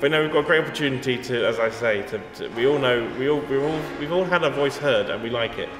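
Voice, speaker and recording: Here the composer, a man with an English accent, talks quickly in a mid-range voice for a casual interview. Thoughtful and self-deprecating, he often begins his sentences again. Music sounds behind him in an echoey gallery hall.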